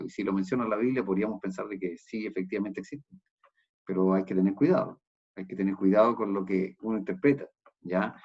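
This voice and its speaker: A man's voice: lowish voice, darkish tone, breathy edge, lo-fi sound. A man with a Chilean accent preaching a sermon as pastor of a church, explaining a passage and often checking in with his listeners. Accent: Chilean Spanish.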